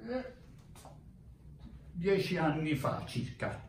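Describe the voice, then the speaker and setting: A man's voice: on the high side, very animated, slow, slight background noise. An older man chatting casually in a jovial, teasing way, often repeating his words. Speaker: painter showing a visitor round the studio. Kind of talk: casual chat. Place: small cluttered art studio, indoors. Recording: roomy, echoing indoor studio sound.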